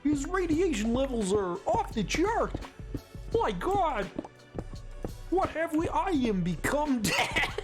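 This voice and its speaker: A man voicing a dramatic male scientist in an imagined Muppet movie, speaking slowly and theatrically. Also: very high voice, sing-song, music in the background, pitched above the performer's own voice, exaggerated voice. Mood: grandiose. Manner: slow, grandiose, theatrical delivery.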